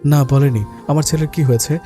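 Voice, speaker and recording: A man voicing a worried young father who speaks softly and tenderly to his small son in an audio story. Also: on the high side, steady tone, a little fast, soft background music, lightly acted.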